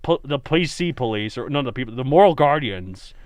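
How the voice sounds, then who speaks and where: A man's voice: medium pitch, expressive, a little fast, no room sound. A man hosting a podcast in casual chat, joking, laughing often and stumbling over words now and then. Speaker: podcast host.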